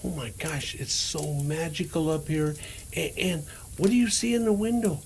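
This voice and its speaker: As Santa, an older man reads aloud to children, his gravelly voice on the high side and his pace normal. Gentle and full of wonder, he speaks directly to them while slight background noise lingers.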